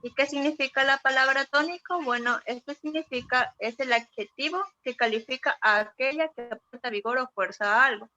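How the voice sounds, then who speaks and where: A woman's voice: high voice, normal speed, hardly any pauses, bright, forceful tone. A young female student giving a formal class presentation, reading and explaining her notes. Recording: dull lo-fi audio.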